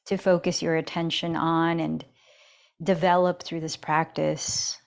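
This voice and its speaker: Female yoga teacher, unhurried and soothing, a little low in pitch. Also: little pitch movement, creaky. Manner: slow, soft and soothing, counting breaths. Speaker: yoga instructor. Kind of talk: guided yoga and breathing instruction.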